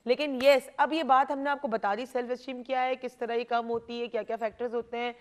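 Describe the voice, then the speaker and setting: A woman's voice: on the high side, steady tone, fast. A woman with a Pakistani Urdu accent hosting a television health talk show, chatty and mixing English phrases into her speech. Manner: chatty, mixes English phrases in, frequent "hmm" backchannels. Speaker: TV show host.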